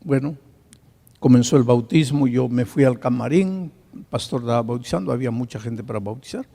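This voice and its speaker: A male pastor telling a story in a sermon, swinging from hushed to loud. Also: medium pitch, fairly quick, vocal fry, in a large hall.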